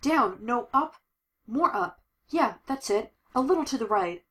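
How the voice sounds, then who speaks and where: A woman's voice: a little high, expressive, a little slow, fairly bright tone, pitched above the performer's own voice. A woman voicing a bossy young woman giving urgent directions over an earpiece.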